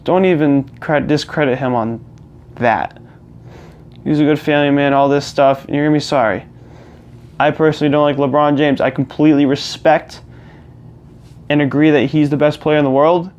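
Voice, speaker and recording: Young male channel host, slightly high voice, smooth and clear, rambling casual rant into his own mic. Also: fairly even intonation, moderate pace, long pauses, a little mellow, dull audio. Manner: rambling, restarts and repeats himself. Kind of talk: casual ranting monologue. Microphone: personal mic.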